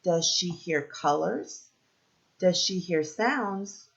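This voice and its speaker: In lo-fi audio, a woman with a lowish, creaky voice teaches a read-aloud lesson to young children. She asks simple questions, pauses so they can answer, and encourages them.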